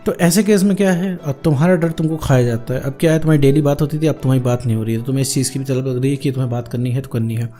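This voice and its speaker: A man's voice: medium pitch, very fast, few pauses, mellow, soft background music. A man hosting a relationship advice video, speaking informally and directly to the viewer, often calling them "my friend" and repeating his points for emphasis. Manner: repetitive, emphatic phrasing. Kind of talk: direct-address advice talk.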